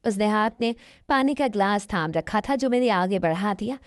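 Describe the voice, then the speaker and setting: A woman's voice: medium pitch, animated, normal speed, no echo. A woman narrating a first-person moral story in an earnest, emotional way, close to the mic.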